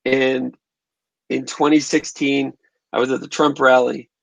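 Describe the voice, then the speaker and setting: Male filmmaker guest, gravelly, dry, thoughtful conversational delivery. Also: medium pitch, flat delivery, measured pace, dry recording, rough recording. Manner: thoughtful, restarts phrases while recalling events. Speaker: documentary filmmaker and photographer. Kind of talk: conversational interview answers.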